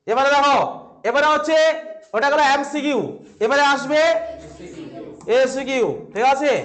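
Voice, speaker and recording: A male teacher with a West Bengal Bengali accent and a strikingly high voice leads a filmed classroom lesson. He fires questions at his students and repeats each answer for them to remember. He keeps it light with playful asides. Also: steady tone, moderate pace, fairly bright tone. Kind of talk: classroom exam-prep lesson.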